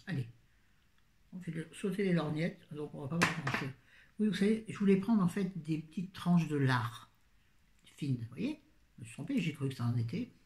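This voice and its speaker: A woman's voice: low-pitched, darkish tone. Chatty self-mocking woman, echoey room. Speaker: vlogger. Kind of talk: casual grocery haul chat.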